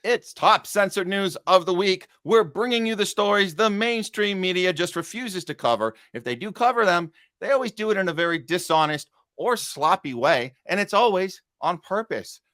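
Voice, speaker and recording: Male news countdown host, higher register, dry recording, sardonic commentator who stumbles through his reads. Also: lively intonation, moderate pace, few pauses, a bit bright, dry recording, soft background music. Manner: sardonic asides. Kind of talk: top news countdown, reading stories with ad-libbed commentary.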